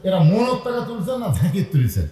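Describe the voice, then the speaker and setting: A man's voice: sits high, fast, echoey room, long reverb tail, a little hiss or hum, poor audio. A middle-aged man preaching a waz sermon, calling on the crowd to answer and asking them for donations. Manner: lively, calls on the crowd to answer and raise hands; appeals for donations, blesses each gift.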